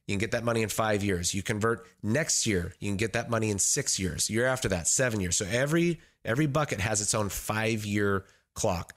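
A man hosting as a financial adviser on radio, explaining off the cuff in a halting way with simple examples. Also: on the low side, a bit bright. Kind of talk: unscripted explanatory radio talk.

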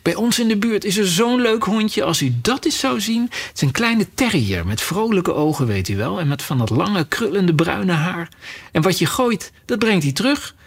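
A man with a gravelly voice, voicing a curious, polite young girl who chatters eagerly and apologizes often. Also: high-pitched, unhurried, hardly any pauses, voice pushed up. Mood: chattering.

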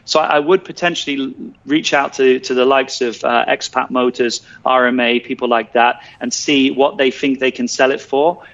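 A man's voice: medium pitch, fairly even intonation, normal speed, hardly any pauses, a bit bright, highs cut off. A man giving casual car value advice on a radio show, chatty and jokey with frequent restarts.

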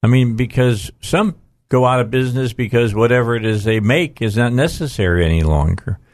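A man's voice: mid-range voice, brisk, no room sound. A man hosting a radio talk show in casual, conversational live talk.

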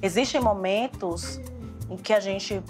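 A woman's voice: mid-range voice, measured pace, over music. A woman speaking earnestly as a guest on a talk show, explaining how emotions and relationships work.

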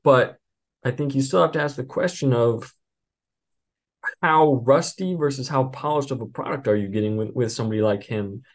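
A man hosting a sports podcast as beat reporter, talking in a relaxed, rambling way with many fillers and restarts. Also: mid-range voice, moderate pace. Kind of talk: casual sports podcast chat.

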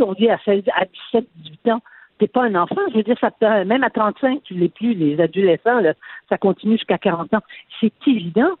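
An older woman calls in to a radio show, speaking earnestly and starting her sentences over and over. Her voice sounds husky and comes through a tinny phone line, dry and close. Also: medium pitch, no room sound. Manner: halting, many restarts, earnest. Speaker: caller. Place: on a phone call from abroad.

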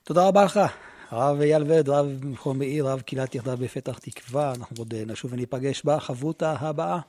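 A man hosting a podcast, closing the episode in a measured, formal way. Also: medium pitch, darkish tone. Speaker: podcast host. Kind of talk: formal show sign-off.

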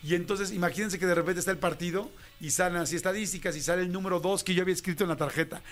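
A man's voice: high voice, steady tone, racing, a bit bright, faint music behind. A Mexican man in his fifties, a radio host animatedly telling a slangy story about his first job and acting out the voices in it. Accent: Mexican Spanish. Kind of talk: casual storytelling.

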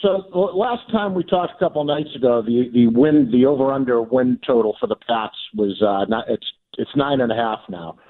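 A man's voice: medium pitch, normal speed, few pauses. A man calling a radio show over the phone, talking sports in a casual and emphatic way. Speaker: radio caller. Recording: phone line.

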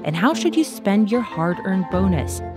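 A woman's voice: mid-range voice, sing-song, moderate pace, over music. A woman hosting a personal finance podcast, reading an introduction and asking questions, with short encouraging acknowledgments. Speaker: podcast host. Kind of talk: scripted introduction and interview.

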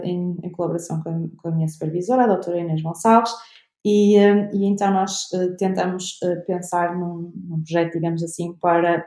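A young woman with a European Portuguese accent explains her research in an interview. She talks hesitantly, full of fillers and restarts. Her voice sits a little low and carries a roomy echo. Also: darkish tone. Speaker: researcher guest. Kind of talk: interview answers.

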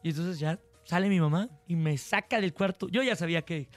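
A man, co-hosting a radio show and telling childhood stories in a lively, animated way, acting out the people in them. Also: sits high, fairly quick, no room sound, soft background music. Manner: animated storyteller, acts out voices. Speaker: radio co-host. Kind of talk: casual radio chat.

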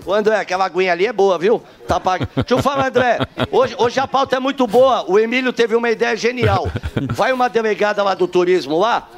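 A man's voice: sits high, brisk. A man working as a roving comedy reporter, teasing people in casual, joking street interviews. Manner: teasing, cheeky. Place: city street and shops.

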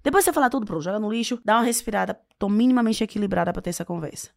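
An author appears as an interview guest, offering advice expressively and leaning hard on key words as she explains. Her mid-range, gravelly voice races along, recorded in clean studio sound with no echo.

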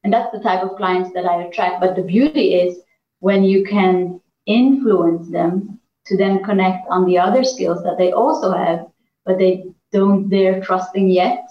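With a little hiss or hum in an echoey, dull lo-fi room recording, a woman from Iran speaks in a mid-range voice at a measured pace. She's a negotiation trainer and coach giving earnest interview answers, with frequent fillers and restarts.

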